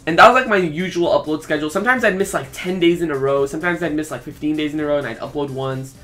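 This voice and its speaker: A man's voice: on the high side, fast, fairly bright tone, soft background music. A young man vlogging casually, candid and self-mocking, talking with lots of "like" and "bro". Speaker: YouTuber. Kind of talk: casual reaction vlog.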